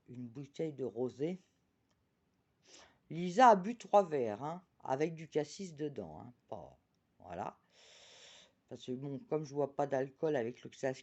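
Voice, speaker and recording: A chatty woman presenting oracle cards on her channel, talking about herself in the third person and reading each card's message slowly. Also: rumbling low, darkish tone, lo-fi sound. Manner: reads card messages slowly.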